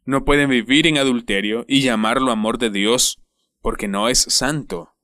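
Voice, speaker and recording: A man preaching a sermon in a deliberate, emphatic way, dwelling on repeated words. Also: medium pitch, pushed and bright, dry recording, studio quality. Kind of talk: sermon voice-over.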